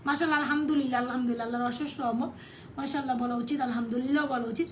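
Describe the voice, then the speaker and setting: Hoarse, fast, high-pitched Bangladeshi saleswoman. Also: steady tone, a little hiss or hum. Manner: chatty, mixes English sales phrases. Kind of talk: live sales stream.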